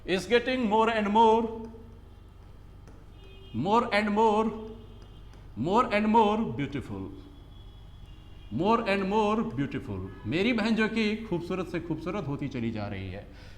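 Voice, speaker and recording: A man teaching English grammar in a coaching class, repeating phrases and asking the class rhetorical questions. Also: sits high. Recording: echoey classroom.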